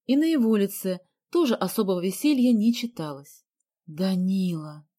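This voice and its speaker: A woman reading a children's novel aloud as narrator, in a calm, even manner. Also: on the high side, fairly quick. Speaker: audiobook narrator. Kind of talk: scripted narration.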